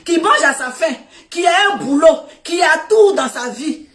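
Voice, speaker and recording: A high-pitched middle-aged woman with a West African French accent rants on a phone live stream, loud and laughing as she scolds. Her voice sits back from the mic in an echoey room. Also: animated, unhurried, recorded from a distance. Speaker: Facebook live host. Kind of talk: Facebook live rant.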